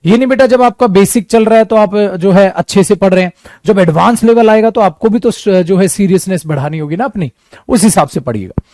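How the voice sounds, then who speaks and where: Here a man coaches students in English for competitive exams, talking a little fast in a voice that sits high. He calls them "beta" and "mere dost" and dramatizes their doubts in a lively manner. There's no room sound.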